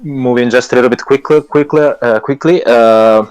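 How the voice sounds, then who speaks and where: Speaking as a guest in a live audio chat, this project lead is a man whose first language is Italian. His medium-pitched voice is smooth and darkish, moving at a moderate pace, and he's hesitant, with many fillers and restarts, earnest and self-deprecating with light laughs.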